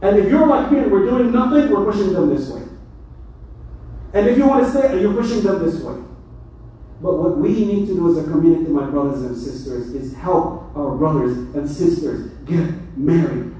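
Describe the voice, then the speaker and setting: A man preaching as an imam in a mosque, animated and joking as he speaks. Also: a little high, moderate pace, a little hiss or hum. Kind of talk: mosque sermon. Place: mosque hall. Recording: echoey hall, mic from far.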